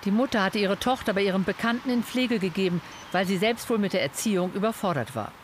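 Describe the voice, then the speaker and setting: High-voiced male news narrator. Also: a little hiss or hum. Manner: sober, measured delivery. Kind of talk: scripted news voice-over.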